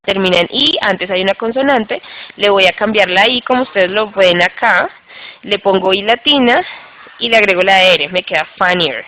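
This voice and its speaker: A woman teaching an English grammar lesson online, speaking at a middle pitch through a computer mic. She explains rules patiently, repeating each one and often checking that the class follows. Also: lively intonation, normal speed, pushed and bright, poor audio. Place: online class by video call.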